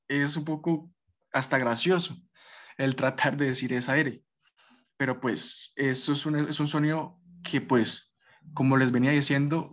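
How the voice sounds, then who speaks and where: A man with a medium-pitched voice teaches a basic French class, explaining patiently and often checking that his students are following. The recording is dull and lo-fi.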